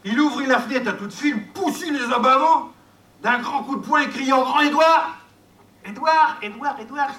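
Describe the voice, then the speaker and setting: High-voiced man telling a rustic folk tale. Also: fairly quick, bright, forceful tone. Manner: homely rustic telling with asides to listeners. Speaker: storyteller. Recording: echoey, from far off, faint noise.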